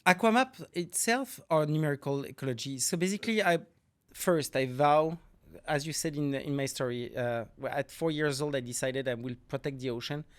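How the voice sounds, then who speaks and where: A middle-aged marine ecology professor with a French accent and a fairly high-pitched voice guests on a podcast interview. He explains things in loose, non-native phrasing, often restarting his sentences.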